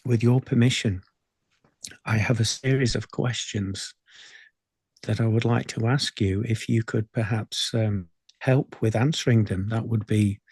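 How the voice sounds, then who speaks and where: Slow, polite man with a dry sound. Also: lowish voice, a little mellow, husky, no room sound. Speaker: interviewer at a channeling session. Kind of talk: polite, formal questioning of a medium.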